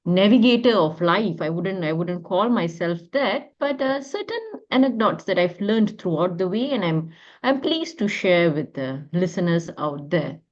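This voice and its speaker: A woman from Malaysia with a Malaysian accent, an academic guest telling her life story over a remote call in a measured, reflective way. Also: lowish voice, expressive, highs cut off.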